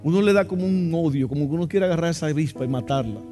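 A man's voice: fairly high pitch, very fast, music in the background. A man preaching a sermon in a church, impassioned and asking the congregation questions. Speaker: pastor.

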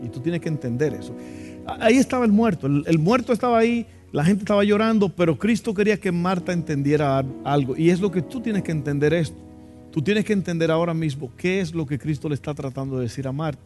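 A man's voice: fairly high pitch, quick pace, darkish tone, faint music behind. A man preaching a sermon in a church, impassioned and asking the congregation questions. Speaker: pastor.

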